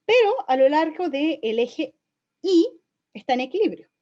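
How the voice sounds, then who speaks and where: A woman's voice: sits high, big pitch swings, unhurried, mellow. Woman teaching physics, checking in. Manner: explanatory, checks in with frequent "¿sí?". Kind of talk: recorded online lecture. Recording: dull, lo-fi lecture audio.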